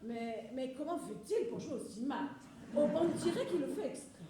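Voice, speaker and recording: A woman playing a blunt, fussy theatre critic on stage, speaking in halting repeated starts. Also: high-pitched, lively intonation. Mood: disapproving. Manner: halting, repeats opening words. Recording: echoey stage, faint noise.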